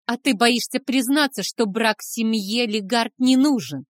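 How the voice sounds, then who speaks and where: A bitter, tearful teenage boy hurls accusations at full volume, performed by a woman reading a novel aloud. The voice sits high and loud, raw with resentment. The recording is dry and close. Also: unhurried, dry recording, close to an everyday voice. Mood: angry shouting. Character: angry tearful teenage boy, half-blood dragon son.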